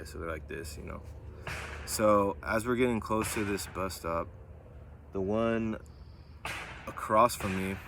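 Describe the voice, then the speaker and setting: A man's voice: on the low side, fairly bright tone, a little hiss or hum. A man telling a personal testimony in a vlog, rambling, with lots of fillers, and often checking in with "right?". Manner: rambling, filler-heavy, keeps asking "right?". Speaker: vlogger.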